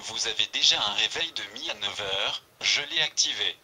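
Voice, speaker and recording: A man's voice: mid-range voice, very animated, moderate pace, vocal fry, sharp tone, a little hiss or hum, full character voice. A synthetic male text-to-speech voice speaking as a polite phone voice assistant, with a European French accent and formal phrasing. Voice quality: synthesized, evenly paced.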